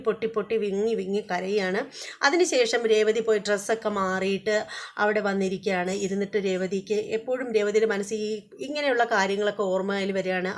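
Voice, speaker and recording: A woman hosting a serial review channel, retelling an episode in a chatty, repetitive, casual way. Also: mid-range voice.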